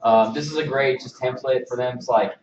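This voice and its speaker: A mortgage loan officer leads an informal, halting staff training on templates, his mid-range voice steady and a little mellow. He's in an indoor training room with a projection screen, picked up by a far camera mic that sounds distant, roomy, and slightly dull.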